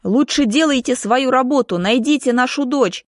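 A woman's voice: high voice, normal speed, dry recording, clean studio sound, voice pushed up, close to an everyday voice. A woman reading an audiobook, voicing an anxious middle-aged mother who speaks emotionally and pleadingly. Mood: reproachful.

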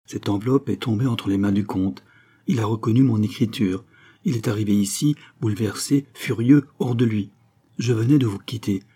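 An anxious noblewoman pleads with her lover, fervent and urgent, as a man reads her letter aloud. The voice stays low and husky. The tone is dark and mellow. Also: normal speed.

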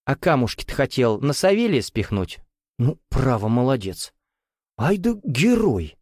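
A man's voice: medium pitch, sing-song, unhurried, darkish tone, no echo, clean studio sound. A man voicing a jovial, sly bearded Russian nouveau-riche man who teases in a folksy, coaxing way with veiled menace.

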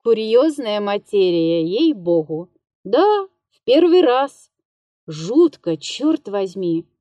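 A woman's voice: medium pitch, very animated, takes it slowly, no room sound, highs cut off. Woman voicing Kalkhas, a scared old actor. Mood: rueful musing. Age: 58 (figure). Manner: mutters, shouts in terror, then whimpers. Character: aging drunken male comic actor, frightened and maudlin. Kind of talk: literary audiobook reading.

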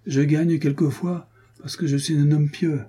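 An unctuous cheating gambler who talks like a churchman, put on by a man reading an audiobook. The voice sits higher than the reader's own but keeps his dark, husky grain. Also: fairly even intonation, unhurried. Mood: sanctimonious. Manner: unctuous, sanctimonious. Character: pious-talking cheating male card sharp.

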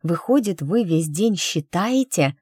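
A woman's voice: fairly low pitch, animated, a little slow, a little mellow, slightly rough, dry recording, studio quality. A woman reading an audiobook voices a bubbly, naive young noblewoman who talks in breathless, girlish exclamations. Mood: gushing.

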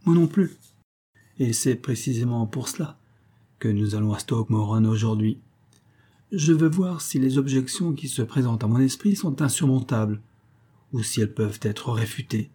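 A man voicing a calm, ironic male detective who reasons aloud in a slightly raised tone, in an audiobook reading. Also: medium pitch, moderate pace, breathy edge, lightly acted. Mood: reasoning. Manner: cool, mocking, raised tone.

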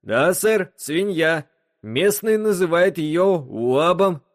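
A nervous young crewman speaks up in a higher, eager voice, as a male narrator puts him on. He sounds anxious to please. The recording is dry and close. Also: expressive, slow pace, no room sound, full character voice.

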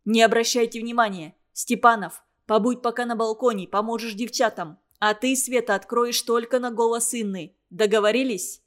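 A brisk, commanding young man who organizes everyone with short orders, as a woman reading a story puts him on. His voice sits fairly high for a man. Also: fairly even intonation, natural voice. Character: commanding young male student leader.

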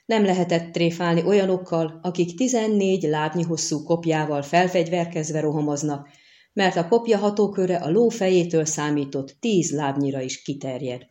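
A woman narrating a fantasy novel with steady storytelling. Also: on the low side, muffled recording. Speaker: audiobook narrator. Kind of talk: scripted narration.

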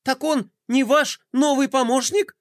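A man voicing a fussy, snide little male robot adjutant in a children's story, shrill and whiny. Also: steady tone, a little slow, no room sound, clean studio sound. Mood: distraught.

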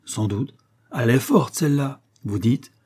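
A man reading the part of a calm, sly junk dealer in a novel. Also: mid-range voice, a little slow, pitched above the performer's own voice. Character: cool, unflappable male junk dealer.

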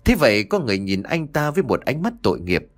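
A man narrating a spooky story in an expressive, animated storytelling manner. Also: mid-range voice, fast, soft background music. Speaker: audiobook narrator.

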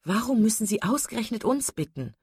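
A woman's voice: on the high side, big pitch swings, a little fast, a little mellow, slightly rough, no echo, clean studio sound, pitched above the performer's own voice, heavily acted. A woman as an indignant young woman. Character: passionate impatient young woman.

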